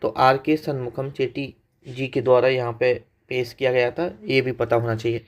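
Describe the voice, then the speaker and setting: Steady-toned and mid-range at normal speed, a man teaches economics for exam prep. Hindi is his main language, peppered with English terms, as he poses questions to students and goes back over the important facts.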